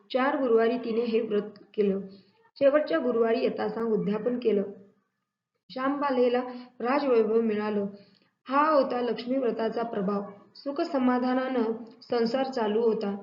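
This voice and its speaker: A woman telling a devotional story in a measured, expressive way, acting out the dialogue. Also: on the high side. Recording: echoey, dull lo-fi room.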